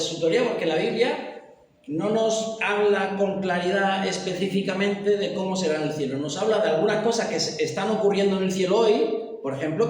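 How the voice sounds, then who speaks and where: A man from teaching a church Bible study, animated, acting out the voices of people he describes. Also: sits high. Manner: animated, acts out voices of the lost. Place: church hall. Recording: echoey hall from far off, faint hiss.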